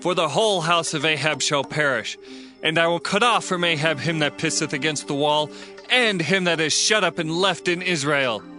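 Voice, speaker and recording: An actor playing an earnest young prophet, solemn and declamatory, in a dramatized scripture reading. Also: male voice, a little high, normal speed, music in the background, natural voice. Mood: solemn, fervent. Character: earnest young male prophet proclaiming divine judgment.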